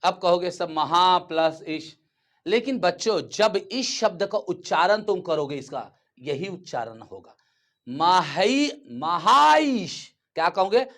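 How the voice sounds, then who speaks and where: Slow, lively-voiced man teaching a lesson. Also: sits high. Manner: repeats words slowly and checks understanding. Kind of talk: classroom grammar lesson.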